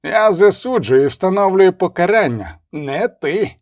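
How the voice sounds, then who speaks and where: A haughty middle-aged duke, imperious and commanding, with a lively, raised delivery, as a man voices him for an audiobook. He barks orders and expects obedience. The sound is close and dry. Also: sits high, unhurried, dry recording, voice pushed up. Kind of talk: audiobook character reading.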